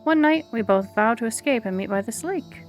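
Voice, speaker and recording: A woman's voice: fairly high pitch, expressive, fairly quick, faint music behind, pitched above the performer's own voice, lightly acted. A woman playing a weepy lovesick maiden. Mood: lovelorn. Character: lovesick weeping young maiden, dramatic and wistful.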